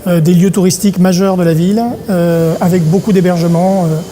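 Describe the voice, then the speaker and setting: A middle-aged man from Paris, an event organizer talking in an interview, pausing often on filler sounds. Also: high voice, flat delivery, noisy background. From Paris, France. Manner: hesitant, many filler sounds. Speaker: congress organizer. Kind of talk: interview monologue.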